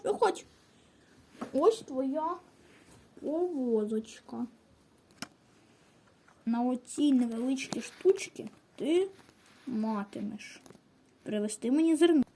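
A friendly male grain owner patiently giving instructions, as a woman plays him in a children's toy story. The voice is high and slow, kindly and clear. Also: mellow, slight background noise, exaggerated voice.

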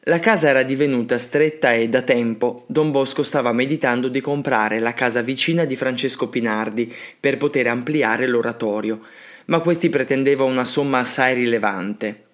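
A man reads a saint's life story aloud as an audiobook narrator. His delivery is steady and measured, at an ordinary middle pitch, telling the tale plainly and evenly.

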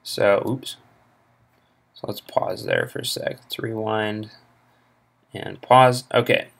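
Very animated yet taking his time, a young man with a lowish, vocal-fry voice and fairly bright tone talks through car auction listings at home. The car vlogger's casual screen-recorded commentary rambles with many fillers and comes through a laptop's built-in mic.

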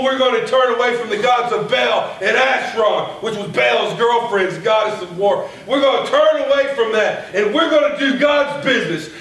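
His voice sits high as this fortysomething pastor delivers a sermon at the pulpit, growing more animated and folksy until he's shouting. Captured from a distant camera at the rear of the sanctuary, the audio echoes and carries a light hiss.

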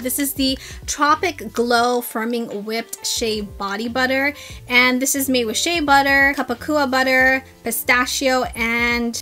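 Her voice sits on the high side with a slight brightness. She's a young woman vlogger at her desk at home, in a filming room with a vanity, gushing upbeat and casual about the beauty products she bought in a haul chat.

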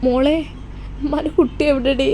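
A woman's voice: high voice, steady tone, normal speed, warm tone, slight background noise, close to an everyday voice. A woman voicing a loving, anxious older mother in a spoken story, tender and pleading, with a Malappuram Malayalam accent. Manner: tender, pleading, calls her daughter dear.

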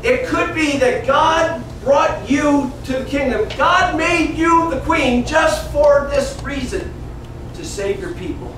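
A man in his fifties teaches children in a small indoor classroom, telling a Bible story theatrically, acting out the dialogue in plain, simple words. His voice is extremely high and fairly bright, with lively intonation and a slow pace. A camera several metres away picks up roomy echo and room noise.

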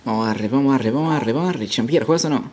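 A man's voice: medium pitch, rapid-fire, soft background music. A man streaming a football game live, calling plays like a sports caster and repeating phrases in chant-like bursts. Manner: playful hype shouts.

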